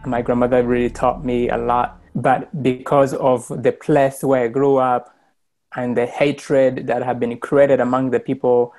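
An earnest young man from Rwanda tells his faith story on a video call at a mid pitch. He talks through an earbud mic in a small plain room, pausing with fillers and restarting his sentences. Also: flat delivery, darkish tone, faint music behind. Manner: earnest, many fillers and restarts, gestures while talking. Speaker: church member sharing testimony. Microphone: wired earbud mic on video call.

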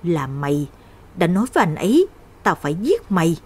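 Lovesick ghost girl as a woman reader does her, shrill and pleading, breathy voice that swings high. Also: big pitch swings, a little fast. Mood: menacing.

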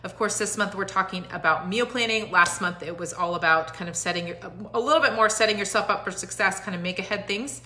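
A woman in her thirties talks into a phone at arm's length in her living room, hosting a live stream. Her voice is bright and forward, and her manner is chatty and encouraging, with lots of fillers. The room adds a noticeable echo. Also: mid-range voice, fast, few pauses, a little hiss or hum. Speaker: host. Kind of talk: casual live-stream talk. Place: home living room, indoors.

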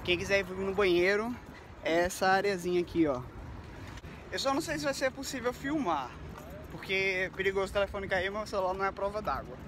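Young man, high voice, excitable, casual travel vlog, phone at arm's length, outdoor pier, clear background noise. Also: a little fast. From Brazil. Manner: chatty, excitable, addresses viewers directly. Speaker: vlogger. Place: outdoors on a city waterfront pier. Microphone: phone held at arm's length.

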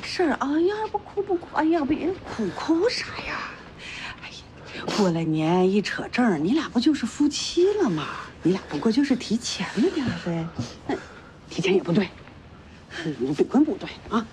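A woman's voice: mid-range voice, very animated, moderate pace, noisy background, natural voice. An actress playing an older village mother from northeast China, fussing, scolding her son and soothing a girl, with a Northeastern accent. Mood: flustered. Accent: Northeastern Chinese. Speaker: mother of Bingkun. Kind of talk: TV drama acting.

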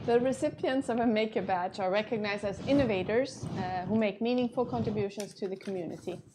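A middle-aged woman co-hosts from a studio desk in an upbeat, chatty way. Her voice sits mid-pitch, with a slight hiss underneath. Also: a little fast. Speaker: hackathon co-host. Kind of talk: livestream hosting.

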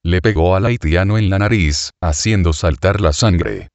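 Male audiobook narrator, low measured voice, dry, slightly dull recording. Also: darkish tone, dry recording. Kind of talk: scripted narration.

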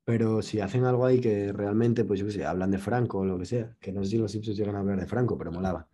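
A man's voice: on the low side, fast talker, dark tone, slightly rough. A young Spanish man with a Spain Spanish accent, co-hosting a podcast and telling stories in an easygoing casual chat. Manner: storytelling, easygoing. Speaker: podcast co-host. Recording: dull lo-fi recording.

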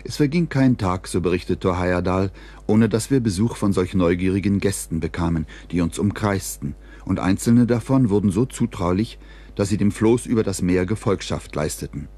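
A man reading scripted documentary narration in a measured, even storytelling delivery. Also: deep voice, breathy edge.

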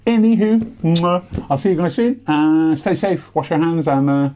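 A man's voice: fairly high pitch, moderate pace, dark tone, a little hiss or hum. A British man presenting a playful maths lesson for young children, with theatrical, sing-song emphasis. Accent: British English.

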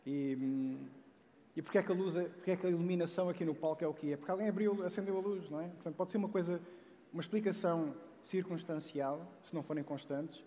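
This fairly high-voiced man in his forties talks at a quick pace, his European Portuguese accent clear as he presents informal science on a large auditorium stage. Through his headset mic come lots of restarts, joking asides and "não é?" tags, all wrapped in long hall reverb.

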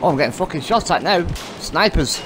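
A man giving excited, foul-mouthed commentary over his shooter gameplay, taunting enemies and laughing. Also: fairly high pitch, a little fast, background noise. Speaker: gamer narrating his clips. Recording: gunfire and music behind the voice. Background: gunfire and music from the game.

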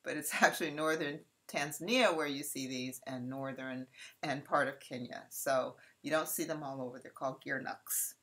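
A woman's voice: extremely low pitch, normal speed, a bit bright, slight background noise. A woman from California narrating a safari slideshow presentation, talking chattily and straight to her audience. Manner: chatty, addressing the audience directly.

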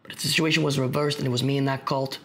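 A man's voice: medium pitch, little pitch movement, fairly bright tone, slight background noise, lightly acted. A man playing a bitter streetwise New Yorker. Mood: agitated. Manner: streetwise slang, profane, quick to anger. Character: young street-smart man, grieving lost friend, bitter. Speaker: actor in a stage monologue. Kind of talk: dramatic monologue.

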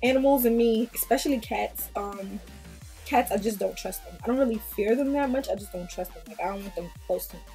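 A woman's voice: medium pitch, fairly quick, warm tone, faint music behind. A woman, talking casually and bluntly to the camera in a small room, now and then dropping into Jamaican patois phrases. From Queens, New York. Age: 20s. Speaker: vlogger. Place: small indoor room before a plain pink backdrop.

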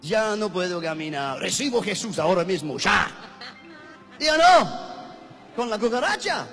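A man in his fifties preaching a shouted revival sermon in simple broken Spanish, calling out prompts to the crowd and joking. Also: sits high, very animated, moderate pace. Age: 50s. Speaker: guest preacher. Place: large crusade gathering. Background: faint music and crowd.

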